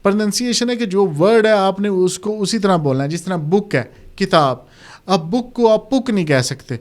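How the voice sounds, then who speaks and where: A man with a Pakistani accent explaining exam criteria in a relaxed, conversational video lesson, mixing in English terms. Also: high-pitched. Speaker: exam tutor.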